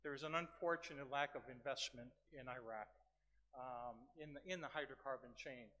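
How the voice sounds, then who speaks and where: A man's voice: mid-range voice, moderate pace, pushed and bright, a little hiss or hum, rough recording. A man giving a podium speech as a conference presenter, formal in structure with informal, self-deprecating asides. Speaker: conference speaker. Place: large conference venue, speaking from a podium.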